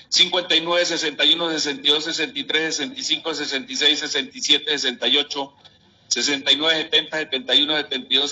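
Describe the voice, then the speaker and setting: A man with a Colombian Spanish accent, serving as committee secretary, formally reading legislative motions and listing article numbers in a rapid monotone. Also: mid-range voice, poor audio.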